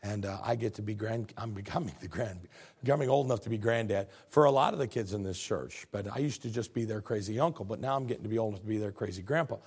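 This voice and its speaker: A middle-aged pastor with a lowish, husky voice talks fast through a folksy, animated sermon. He repeats phrases and speaks straight to his congregation.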